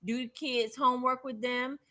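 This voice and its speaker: A woman co-hosting a casual relationship advice chat, playful and quick to laugh as she acts out everyday examples. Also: high-pitched, steady tone, pushed and bright.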